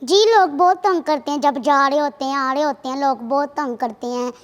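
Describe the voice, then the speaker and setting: A woman's voice: high voice, normal speed. A young woman speaks as a TV guest, chatty and earnest. Her voice rings with a long reverb from the studio. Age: 20s. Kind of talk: casual interview talk.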